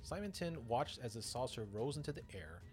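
A man's voice: medium pitch, fairly quick, faint music behind. A man hosting a podcast, telling strange stories in a casual, joking way with asides and self-corrections. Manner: lively, joking, self-interrupting. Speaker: podcast host.

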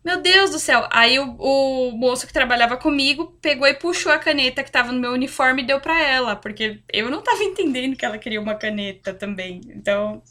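A young Brazilian woman with a Brazilian Portuguese accent, hosting a podcast and telling personal stories in a chatty, relaxed way. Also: high voice, brisk, few pauses. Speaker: podcast host. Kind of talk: casual chat.

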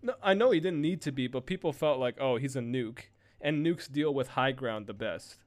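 A man hosting a casual gaming podcast, teasing his friends in animated banter. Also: on the high side, fairly quick.

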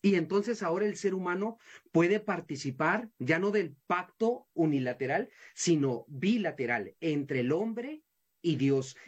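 A pastor with a husky, slightly rough voice, speaking emphatically on a Bible study panel. He talks like a preacher and draws out the phrases he wants to stress. He is a man who leans into his points. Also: on the high side, a little mellow.

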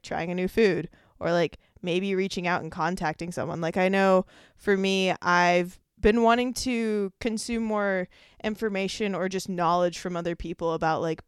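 A woman's voice: lowish voice, clean tone, dry recording, studio quality. A woman in her twenties hosting a solo podcast, talking casually and rambling with lots of "like" as she thinks aloud. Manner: rambling, heavy use of "like". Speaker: podcast host.

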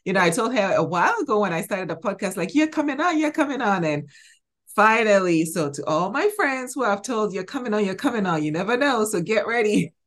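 A woman's voice: medium pitch, expressive, fairly quick. Giggly, chatty woman hosting a podcast. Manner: laughs often, chatty and bubbly. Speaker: podcast host. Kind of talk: casual podcast chat.

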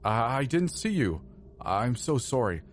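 A man's voice: mid-range voice, very animated, a little slow, slight background noise, voice pushed up. A man voicing a flustered, apologetic female flight attendant who stammers and pleads in a storybook reading.

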